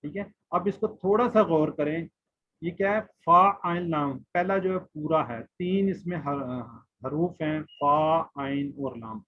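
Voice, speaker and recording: In muffled, lo-fi online class audio, a man teaches the Quran, patiently drilling letters and word forms and asking his students questions. His voice is fairly high-pitched and a little slow.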